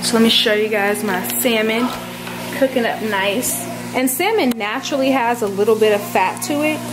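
Speaking at normal speed in a voice on the high side, a young woman in her twenties explains every step of a recipe in her home kitchen for her cooking vlog. A handheld camera captures her close up, amid background noise.

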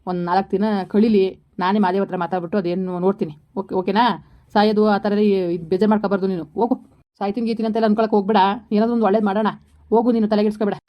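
Woman playing a reassuring, fast-talking police officer. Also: medium pitch, flat delivery, lightly acted. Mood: soothing. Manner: reassuring, fatherly, rapid. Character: calm, firm police officer advising a woman. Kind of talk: village family drama. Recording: dull lo-fi recording.

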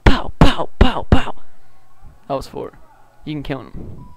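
A teenage boy boasting and trash-talking while playing a video game, shouting sound effects. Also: fairly high pitch, very animated, takes it slowly, dry recording.

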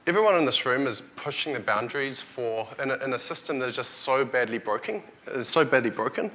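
Speaking on stage in a hotel conference hall through a lapel or headset mic, a New Zealand CEO in his thirties gives a keynote. His broad Kiwi accent carries a bright, forward, medium-pitched voice with lively intonation at a fairly quick clip.

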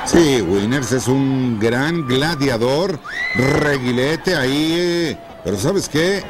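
A man's voice: mid-range voice, animated, takes it slowly. A man with a Mexican accent giving florid, grandiose lucha libre commentary as a wrestling commentator. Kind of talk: lucha libre TV commentary with showy announcer phrasing. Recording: noisy old broadcast, very loud crowd. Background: roaring arena crowd.

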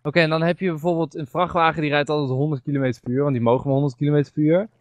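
A man's voice: a little high, flat delivery, rapid-fire, dry recording, lo-fi sound. A young man chatting casually while gaming, rambling through stories and laughing often. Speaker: gamer.

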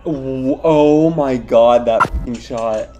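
Young Texan man, reaction co-host, excitable, home desk mic. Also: mid-range voice, slow, highs cut off, music in the background. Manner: excitable, laughs and gasps often, swears freely. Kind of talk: casual movie reaction chat. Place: home room with bookshelves.

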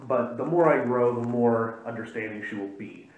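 A man's voice: mid-range voice, moderate pace. A young man talking casually to his viewers in a vlog, recorded on a phone in an echoey indoor space. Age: young adult. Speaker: video blogger. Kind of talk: casual vlog talk to camera. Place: small echoey indoor walkway in a house being moved into. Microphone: phone at arm's length.

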